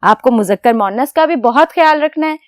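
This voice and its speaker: Woman, teacher, high voice, patient step-by-step explaining, slow dictation, dry close sound. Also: lively intonation, no echo. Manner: patient, explains step by step, asks questions and answers them; dictates slowly while writing. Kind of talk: classroom lecture to children.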